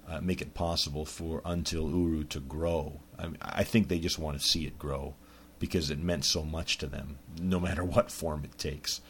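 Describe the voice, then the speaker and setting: A man's voice: extremely low pitch, a little hiss or hum. A man hosting a podcast, talking casually in a rambling monologue full of restarts. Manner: rambling, lots of restarts and fillers. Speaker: podcast host.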